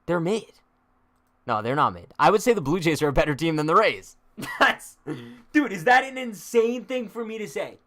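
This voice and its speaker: A young sports show host runs a live-stream chat, trash-talking jokingly, reading viewer comments aloud and leaning hard on slang, saying "bro" a lot. His voice sits high and a bit bright, animated and a little fast, on a dry recording.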